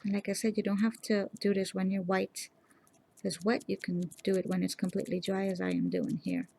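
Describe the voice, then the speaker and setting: Woman calmly talking through a nail tutorial. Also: mid-range voice, brisk, creaky, a little hiss or hum. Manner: calm, instructive, addresses viewers as "you guys". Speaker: nail art tutorial host. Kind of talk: casual step-by-step tutorial narration.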